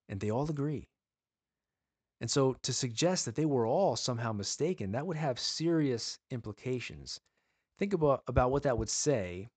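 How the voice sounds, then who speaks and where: In an earnest teaching delivered like a sermon, a man puts pleading rhetorical questions to his listeners and slows to emphasize key words. His voice is medium-pitched and a little mellow, with no room sound.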